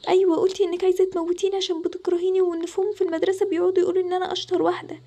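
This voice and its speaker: A panicky, pleading young schoolgirl, put on by a woman with an Egyptian Arabic accent in a toy-game story. Her voice is pushed very high and comes fast and breathless, with a mellow, dark tone underneath. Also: level tone. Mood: upset.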